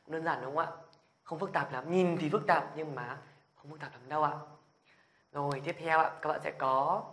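A man teaching a beginner language lesson who keeps asking his viewers whether they follow, then drills the sounds aloud with energy. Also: fairly high pitch. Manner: patient, checks in with the viewers after every point.

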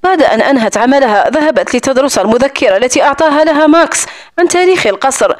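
A woman narrating a romance novel audiobook in a steady, even storytelling manner. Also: high-pitched, racing. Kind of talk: scripted narration.

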